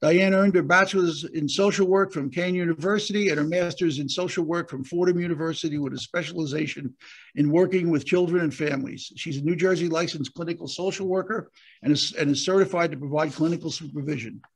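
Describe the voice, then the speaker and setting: A man hosts a virtual conference as prosecutor, his voice sitting a touch high and fraying as he loses it. He talks haltingly, full of fillers and false starts, over a video call. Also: breathy edge. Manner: halting, with many fillers and restarts. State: losing his voice. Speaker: county prosecutor hosting the event.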